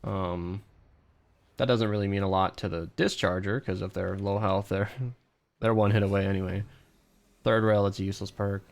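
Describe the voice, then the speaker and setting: A man's voice: fairly low pitch, steady tone, normal speed, creaky, pauses often. A man live-streaming a game, chatting casually with viewers in a rambling, self-deprecating way and laughing often. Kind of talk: casual live-stream chat while gaming.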